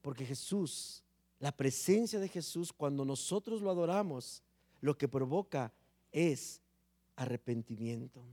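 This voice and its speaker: A man preaching a sermon, swinging between loud emphatic phrases and low hushed words. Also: animated, unhurried.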